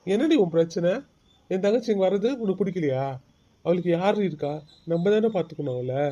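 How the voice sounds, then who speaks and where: A man's voice: high-pitched, brisk, dark tone, highs cut off. Man playing a stern bossy cartoon husband. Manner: firm, bossy, lecturing. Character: stern husband defending his sister. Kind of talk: cartoon family drama acting.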